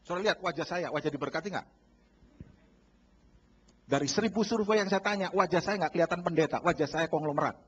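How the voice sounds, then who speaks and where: A man pastor preaching a sermon, animated and acting out bargaining scenes while addressing the congregation. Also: fairly high pitch, fast talker, pauses often, husky. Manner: lively, acts out bargaining dialogues, addresses congregation as saudara. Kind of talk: sermon with acted-out market scenes. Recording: dull lo-fi church recording.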